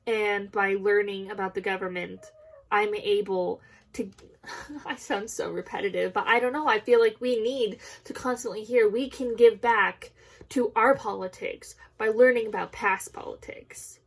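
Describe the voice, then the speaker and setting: A young woman giving a recorded class presentation, nervous and halting, often stopping to correct herself. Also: mid-range voice, fairly even intonation. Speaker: student presenting a class discussion.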